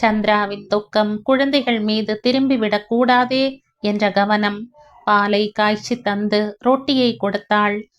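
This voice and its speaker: A woman narrating a family story aloud in a slow, emotional reading style. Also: mid-range voice, fairly even intonation, smooth. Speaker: audiobook narrator. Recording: dull lo-fi recording.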